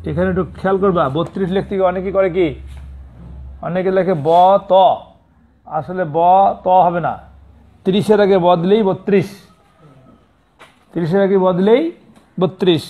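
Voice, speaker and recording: A man's voice: sits high, fairly even intonation, moderate pace, long pauses. A man teaching a math lesson to young pupils, patient and repetitive, stopping to correct how numbers are said and spelled. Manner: patient, repeats and corrects pronunciation. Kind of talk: classroom lesson. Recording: tinny phone-like sound.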